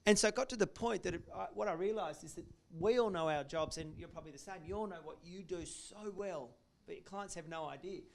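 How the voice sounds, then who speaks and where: A man's voice: sits high, fast, creaky, hardly any pauses. A man, a business owner telling candid stories to an audience with many restarts. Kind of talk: casual talk to an audience.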